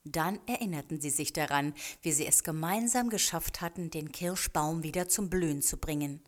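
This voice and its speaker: A woman narrating a storybook in a calm, measured way. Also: sits low. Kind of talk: storybook reading.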